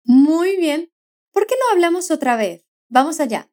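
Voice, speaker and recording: High-voiced Spanish woman teaching pronunciation. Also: very animated, a little mellow. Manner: slow, carefully modelled repetitions with encouraging prompts. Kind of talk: scripted language lesson narration.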